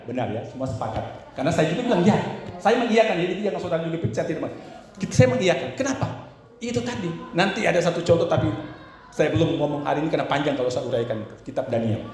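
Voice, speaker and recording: A male pastor preaching in a church sanctuary, his voice sitting high for a man and leaping around in pitch. He swings between loud exclamations and low asides, and the big hall wraps every word in heavy echo. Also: expressive, quick pace. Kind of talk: Pentecostal sermon with storytelling.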